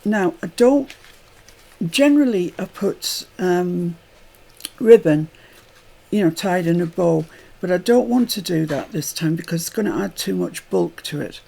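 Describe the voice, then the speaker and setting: A woman's voice: on the low side, lively intonation, a little slow, gravelly, dark tone, slightly rough. An older British woman chatting through a crafting tutorial at home, rambling into asides as she works.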